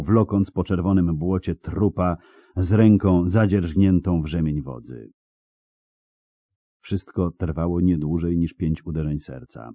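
Male narrator, very low voice, dark tone, dramatic reading, animated pitch. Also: dry recording. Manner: vivid, dramatic storytelling. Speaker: audiobook narrator. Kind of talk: scripted narration.

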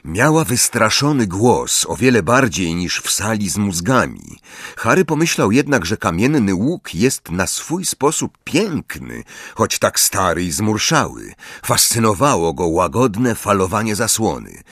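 A man narrating a fantasy audiobook in an expressive, dramatic manner. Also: lowish voice, unhurried, dry recording, clean studio sound.

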